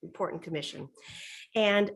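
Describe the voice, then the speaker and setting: A woman chairing a public board meeting, speaking formally and courteously in a halting, pause-filled way. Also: lowish voice, creaky, fairly bright tone. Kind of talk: formal meeting facilitation with spoken remarks.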